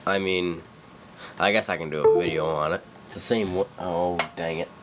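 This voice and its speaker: The recording is very noisy as a young man with a stuffy cold walks through a computer tutorial at moderate speed, his low voice holding a steady tone. It's a casual screen capture made in a dim room at his desk, full of rambling, self-corrections, and fillers.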